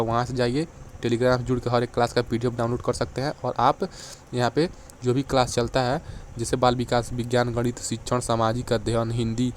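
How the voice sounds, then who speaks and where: A man teaching an exam-prep lecture at a quick pace, often checking in with "theek hai" and reciting lists of letters. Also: mid-range voice, a little hiss or hum. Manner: brisk, repeats "ठीक है" and "देखिए", recites letter lists.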